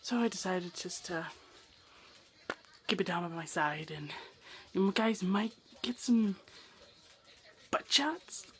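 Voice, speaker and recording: In a casual bedroom vlog shot on a handheld camera, a young man talks slowly, with long pauses, in a high, slightly bright and expressive voice. His voice is wearing out as he rambles and runs himself down.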